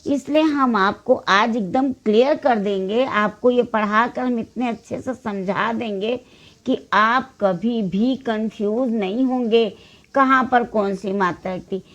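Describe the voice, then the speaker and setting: A woman teaching young children, reading words out one by one in a drawn-out drill, with short explanations in between. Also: on the high side, dull audio. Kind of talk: slow spelling drill for children.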